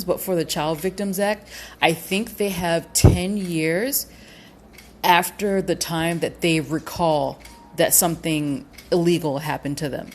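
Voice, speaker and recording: A woman giving a casual tarot reading to her viewers, halting and cautious, with many fillers and restarts. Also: sits low, darkish tone, a little hiss or hum. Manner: cautious, hedging with repeated qualifiers. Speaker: tarot reader.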